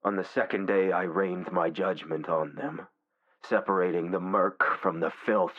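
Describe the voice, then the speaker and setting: A man voices a godlike war supercomputer in a dramatic villain monologue that is brooding, deliberate and grandiose, dripping with contempt for humanity. His voice sits low with a fairly bright tone, and the highs are cut off.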